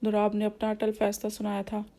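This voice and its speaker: Gravelly, even-voiced woman narrating a novel. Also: medium pitch. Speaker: audiobook narrator.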